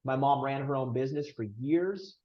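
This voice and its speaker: On a muffled recording, a podcast guest from Romania, a man in his thirties, speaks at normal speed in a mid-range voice. He tells his family story earnestly and emphatically, in a relaxed interview setting.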